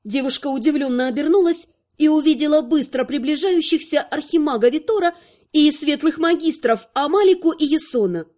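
A woman giving a scripted narration of a fantasy story in an even, expressive reading. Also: sits high, a little fast.

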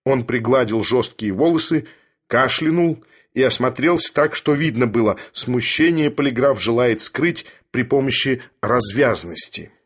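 A man narrating a literary story in a steady, expressive storytelling manner, with a husky voice. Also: mid-range voice, a little slow. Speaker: audiobook narrator.

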